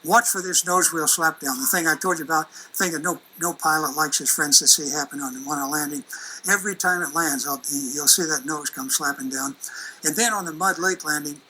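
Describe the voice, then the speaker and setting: A man's voice: a little high, fairly quick, bright, forceful tone, a little hiss or hum, rough recording. An older man giving a folksy, conversational lecture as an aerospace engineer, presenting slides and video clips with many restarts.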